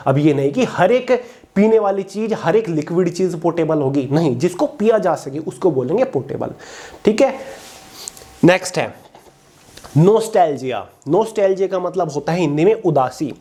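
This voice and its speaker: A man teaching exam vocabulary in an online lesson, explaining each word and reading its English definition out slowly. He keeps checking in with his listeners as friends. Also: on the high side, expressive, dark tone.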